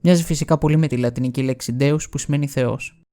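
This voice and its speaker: A man's voice: mid-range voice, fairly even intonation, dark tone. A man from Greece narrating a scripted video essay in a wry, explanatory manner.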